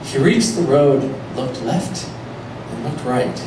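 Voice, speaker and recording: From a stage at a live venue, a man performs comic storytelling, reading a mock children's rhyme and talking to the audience. His medium-pitched voice is expressive and slow with vocal fry, picked up by a far mic in a very echoey, noisy room.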